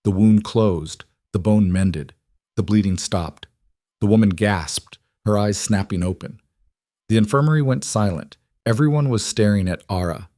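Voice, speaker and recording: Low-voiced man narrating a story. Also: unhurried, dry recording, clean studio sound. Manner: even, dramatic storytelling.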